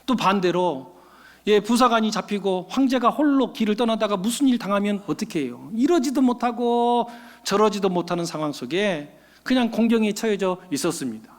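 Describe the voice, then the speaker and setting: A male pastor preaching a sermon, telling a story in an animated way and acting out the characters' voices. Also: sits high, normal speed. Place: church sanctuary. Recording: long church-hall reverb.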